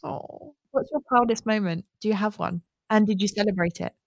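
A woman's voice: medium pitch, normal speed, vocal fry, no room sound, clean studio sound. A woman hosting an interview, asking questions in a conversational way. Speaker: interviewer, podcast host.

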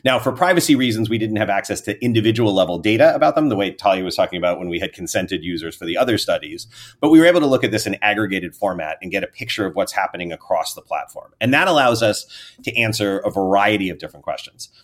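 A man, explaining research findings in an interview in a measured, academic way. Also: lowish voice, animated. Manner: measured, academic, trails off at sentence ends. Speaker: researcher guest.

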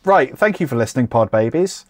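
A man's voice: medium pitch, expressive, brisk, no room sound, studio quality. A man hosting a podcast in a casual, rambling way, with jokey, self-deprecating asides. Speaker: podcast host.

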